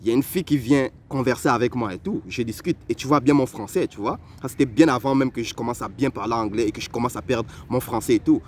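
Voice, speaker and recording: A young man from Africa telling personal stories to the listener in a lively, conversational way. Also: mid-range voice, quick pace, hardly any pauses, slight background noise. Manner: animated, conversational, addresses the listener directly. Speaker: vlogger. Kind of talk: personal storytelling.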